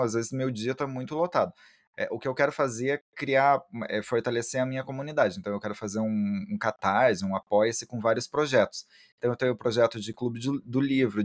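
Dry-voiced, halting male guest. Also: medium pitch, no echo. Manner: halting, many restarts, self-described shy. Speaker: interview guest, book content creator. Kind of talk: casual interview chat.

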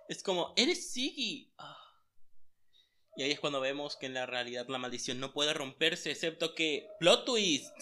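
A sassy man chats casually and recaps a series. His voice is very bright and forceful and sits somewhat high for a man. He tells it in an animated way and throws in exaggerated put-on quotes. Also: a little slow, pauses often.

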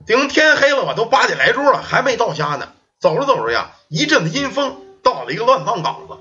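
Animated storyteller man. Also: high-pitched, a little fast, muffled recording. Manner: animated, colloquial, rhythmic storytelling. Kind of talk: oral folk ghost-story narration.

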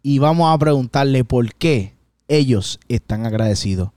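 A man co-hosting a podcast in casual chat, with a lively, joking delivery. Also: mid-range voice, moderate pace, no echo. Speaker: podcast co-host.

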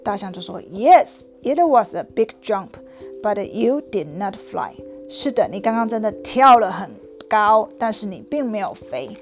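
A woman voicing a cautious male elephant in a storybook read-aloud, slow and firm. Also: expressive, faint music behind, lightly acted. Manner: slow, firm, lowered delivery. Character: cautious, stern elephant, a grown-up male friend.

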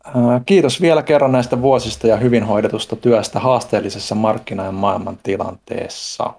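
A young man co-hosting a casual podcast chat, relaxed, at times reading a poem aloud slowly. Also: lowish voice, creaky. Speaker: podcast co-host.

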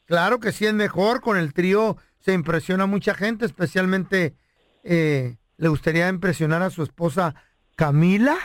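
This man hosts a radio prank show in a high, bright-edged voice with a dry, close sound. He moves from courteous sales talk to quick, slangy joking with his co-hosts. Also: no room sound. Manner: polite salesman patter, then slangy joking. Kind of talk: radio prank call and studio banter.

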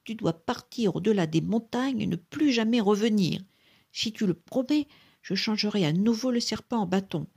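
A reader doing a calm, stern old male beggar. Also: medium pitch, moderate pace, slightly rough. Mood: commanding. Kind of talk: storybook character voice.

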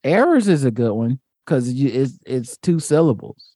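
Man, podcast host, casual chat, dry remarks, mid pitch. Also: very animated, normal speed, mellow, husky, no room sound.

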